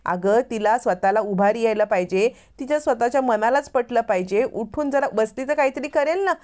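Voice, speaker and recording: A woman's voice: a little high, a little fast, a little mellow, close to an everyday voice. A woman voicing a stern older woman of the house who scolds and gives orders. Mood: scolding. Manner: scolding, bossy.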